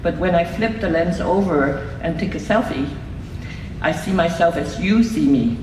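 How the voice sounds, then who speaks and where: Captured from across a noisy, reverberant reception hall, an older woman from Hong Kong reads her prepared award speech. Her fairly low voice stays measured and reflective throughout.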